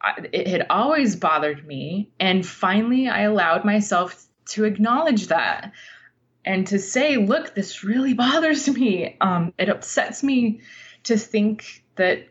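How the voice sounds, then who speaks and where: Speaking in a mid-range voice, a woman reflects conversationally in an interview where she's the guest writer. Her delivery is halting, candid and informal, and the recording sounds muffled.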